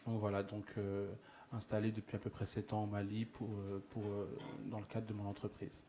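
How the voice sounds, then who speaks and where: A man from France, an entrepreneur, speaking hesitantly with many pauses and fillers at a forum. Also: fairly low pitch, completely flat delivery, noisy background. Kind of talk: testimony at a forum.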